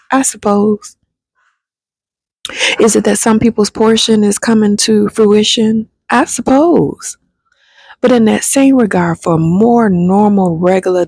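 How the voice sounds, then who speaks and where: A woman's voice: mid-range voice, vocal fry, a little mellow, husky, dry recording. A woman giving a reflective spiritual talk, musing unhurriedly and turning emphatic and jokey with casual slang. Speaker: spiritual advice speaker.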